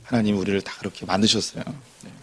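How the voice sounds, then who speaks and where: A man's voice: lowish voice, flat delivery, racing. A male pastor giving a sermon in a conversational, informal way, often repeating himself as he talks to his congregation.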